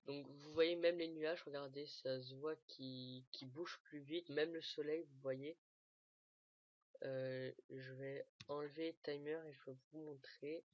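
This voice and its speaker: A gaming tutorial maker walks viewers through a game tool in a casual screen recording, hesitating often and full of fillers and restarts. The mid-range voice holds a steady tone and moves slowly. It's captured on a dull, lo-fi, dry mic.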